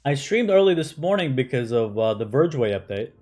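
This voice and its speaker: A man's voice: medium pitch, very animated, fairly quick, a little mellow. A man who grew up in the United States, chatting casually on a game live stream, answering chat with lots of fillers and "right?" tags.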